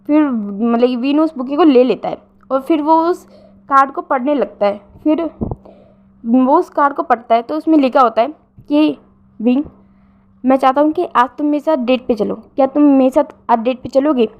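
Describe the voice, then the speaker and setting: High-voiced woman casually retelling a story. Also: moderate pace, muffled recording. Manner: frequent fillers and self-corrections.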